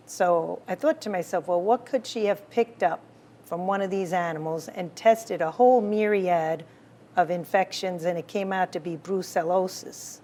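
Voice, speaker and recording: A woman doctor answers interview questions in a somewhat low voice. She explains her cases with steady confidence and keeps affirming with a quick "right.". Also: slight background noise. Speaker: physician, guest.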